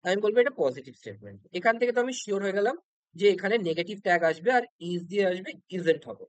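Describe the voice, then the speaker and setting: A man's voice: high voice, lively intonation, fast talker, no room sound, rough recording. A man teaching an exam-prep English grammar lesson, patient and repetitive, often checking in with the listener. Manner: patient, repeats points and checks in with "okay?".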